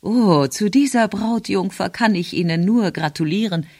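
A woman voicing a gracious elderly grandmother in an audiobook, with a high, slow, genteel manner. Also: darkish tone, no room sound, clean studio sound, close to an everyday voice.

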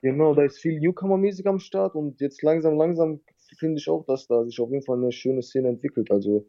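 A man's voice: a little high, brisk, mellow, no echo, muffled recording. A man from Germany with a Mannheim accent, a rapper talking as a guest in a laid-back, slangy, agreeable way. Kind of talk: casual interview.

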